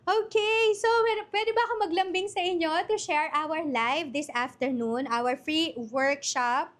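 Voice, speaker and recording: Filipino lady hosting a live stream, kinda high voice, a bit worn from being sick, chatty, says hi to everyone by name. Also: measured pace, a bit bright. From Philippines. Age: adult mother. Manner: chatty, greets viewers one by one by name. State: voice worn from recent cough and flu. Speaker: host of a live online workshop. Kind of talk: casual live-stream chat.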